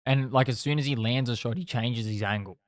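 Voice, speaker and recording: A man's voice: mid-range voice, fairly quick, no echo. A man with a mid-range voice, recorded dry and close. He gives casual, chatty fight commentary in a blokey, sweary way. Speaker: boxing watch-along podcast host.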